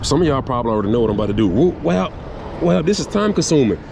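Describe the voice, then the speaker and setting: A man's voice: medium pitch, big pitch swings, rapid-fire, vocal fry, a little mellow, slight background noise. A man hosting a casual vlog from a minibike ride outdoors, talking in a laid-back, slangy way straight to his viewers. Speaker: vlogger host. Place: outdoors around town.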